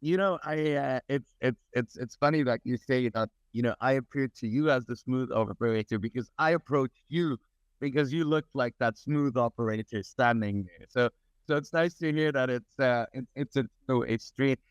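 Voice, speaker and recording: With a clear, resonant, medium-pitched voice at a moderate pace, a middle-aged German man speaks as a technology advisor guest in a conversational interview. His manner is earnest and expansive, with frequent word repetitions as he builds sentences. The dull, lo-fi recording has no room sound.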